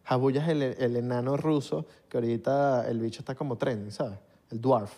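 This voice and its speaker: A man's voice: medium pitch, steady tone, moderate pace, warm tone. Slangy Venezuelan podcast co-host, a man. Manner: slangy, playful and joking. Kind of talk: casual chat. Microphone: studio microphone.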